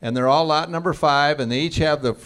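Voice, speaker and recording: A man hosting a class auction, calling out prize winners and joking with the crowd in a booming voice. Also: brisk, fairly bright tone, clean tone. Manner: jokey, booming crowd address. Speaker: auction host. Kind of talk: live event emcee.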